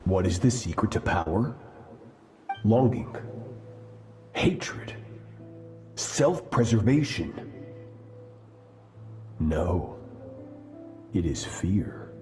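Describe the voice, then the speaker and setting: A man voicing a harsh sword master who talks in a slow, grave and menacing way. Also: sits low, sing-song, warm tone, heavily acted. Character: stern harsh male sword master, cold and merciless. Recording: echoey game audio over music. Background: game music.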